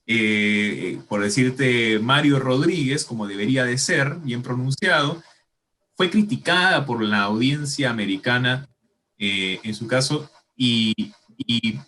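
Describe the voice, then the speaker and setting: A man's voice: mid-range voice, slow pace, sharp tone. A man hosting an interview, asking long, rambling questions with hesitations. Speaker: interviewer, host.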